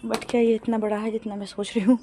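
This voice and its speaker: A woman's voice: a little high, level tone, fast, mellow. A young woman chats casually to her vlog viewers as she waters plants on her rooftop. She talks about each chore as she does it and laughs at herself. The phone recording carries plenty of outdoor noise. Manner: chatty, self-narrating chores, laughs at herself. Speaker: vlogger. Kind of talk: casual home vlog chat. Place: home rooftop and garden area.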